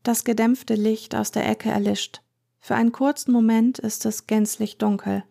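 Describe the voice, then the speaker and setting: A woman narrating a first-person story in a measured, tense way. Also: fairly high pitch, vocal fry, dark tone. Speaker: audiobook narrator.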